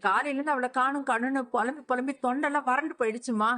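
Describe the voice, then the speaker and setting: A woman's voice: sits high, fairly even intonation, fast talker, sharp tone. A wailing, fretful old grandmother. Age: older. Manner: lamenting, wailing. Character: anxious elderly grandmother of a family. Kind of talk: TV serial acting.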